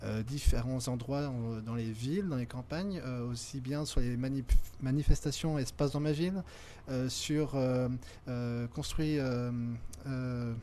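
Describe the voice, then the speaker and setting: A man speaking as a guest on a web TV set, stumbling through his answers with frequent fillers and restarted phrases. His voice sits at a middle pitch, with clear background noise around him in the studio. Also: steady tone, mellow. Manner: halting, many fillers and restarts, self-deprecating. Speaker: association president, studio guest. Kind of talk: hesitant studio talk-show answers.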